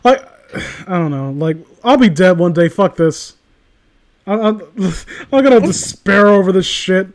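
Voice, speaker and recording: A man with a high-pitched, expressive voice talks a little slowly in a casual conversation. He rambles through exasperated, opinionated rants packed with swearing.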